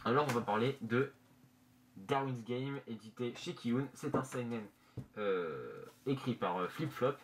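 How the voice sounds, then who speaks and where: A man presenting casually in a halting, hesitant way, his voice slightly muffled through a face mask in a bedroom. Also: medium pitch, lively intonation. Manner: hesitant, halting, searching for words. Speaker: manga review vlogger. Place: bedroom, indoors. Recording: noisy amateur room recording.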